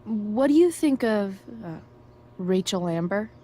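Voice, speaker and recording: A woman's voice: medium pitch, expressive, a little slow, mellow. A woman playing a sardonic, rebellious teenage girl in a video game, talking in sarcastic, casual slang. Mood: awkward, wry.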